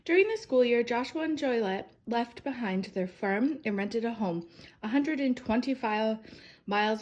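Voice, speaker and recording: Reading a picture-book biography for children, a storyteller with a slightly high female voice takes a storytime approach. She starts her sentences emphatically, shapes phrases with care, and lets each close drift down gently.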